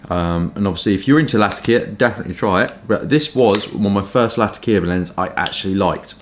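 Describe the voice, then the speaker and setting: Low-voiced southern English man, casually chatting. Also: slight background noise. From Kent, England. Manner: informal, chatty, hesitant with stop-start pauses. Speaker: pipe tobacco reviewer. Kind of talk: casual rambling review chat.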